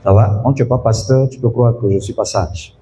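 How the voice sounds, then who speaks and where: A man's voice: medium pitch, a little fast, warm tone, faint music behind. Man preaching a story-led sermon. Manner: storytelling preacher, calls out to the congregation. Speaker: pastor.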